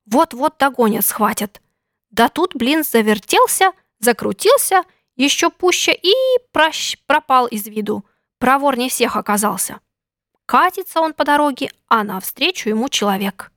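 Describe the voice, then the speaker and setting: A woman's voice: high voice, unhurried, no room sound, studio quality. Woman telling a rhythmic folk tale. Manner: rhythmic, lively storytelling. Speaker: storyteller.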